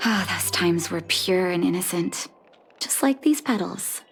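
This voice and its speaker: A woman's voice: fairly low pitch, expressive, measured pace. An actress playing a caring young woman doctor reuniting with her mother, earnest and emotional, over game music. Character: grown daughter, a caring doctor. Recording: game score underneath.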